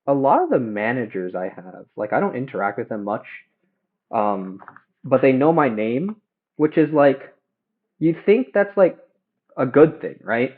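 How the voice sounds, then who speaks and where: A young man chatting casually and haltingly while cooking at home, livestreaming through headphones used as a mic. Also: mid-range voice, sing-song, slightly rough, phone-quality sound. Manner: hesitant, halting, self-questioning. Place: home kitchen. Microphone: headphones used as a phone mic.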